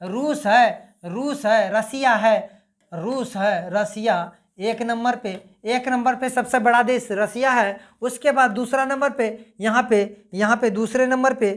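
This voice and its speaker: Woman teaching with frequent repetition. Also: fairly high pitch. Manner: repeats points and quizzes listeners, pausing often. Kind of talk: casual classroom-style lesson.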